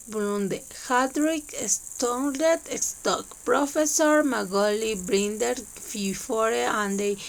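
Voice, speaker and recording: A woman whose first language is Spanish, reading a novel aloud in a halting, hesitant way with many fillers. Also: fairly high pitch, rough recording. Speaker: reader.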